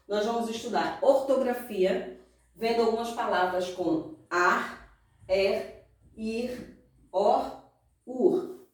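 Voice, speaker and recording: A Brazilian woman teacher goes through workbook answers at an unhurried pace, breaking words into syllables and often checking with her pupils. Her voice of medium pitch is caught from a distance in a strongly echoing room. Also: darkish tone. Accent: Brazilian Portuguese. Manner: slow, patient, spells out syllables and checks with "ok?". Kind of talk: recorded remote lesson correcting workbook exercises. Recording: very echoey room, voice from far off.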